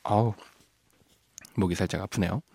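A man's voice: sits low, steady tone, normal speed, gravelly, darkish tone, dry recording. A man hosting a radio show, reading out listener messages playfully and laughing often. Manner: playful, laughs often, strains voice singing a line. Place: radio studio.

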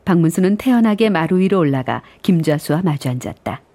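A woman's voice: fairly low pitch, animated, brisk, dark tone. A woman hosting a live radio show, reading out listener messages and narrating a story.

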